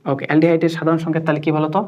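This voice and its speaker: A woman's voice: sits low, flat delivery, very fast, darkish tone. A woman teacher, tutoring a student in chemistry and constantly quizzing and checking that she understands. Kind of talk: interactive tutoring lesson.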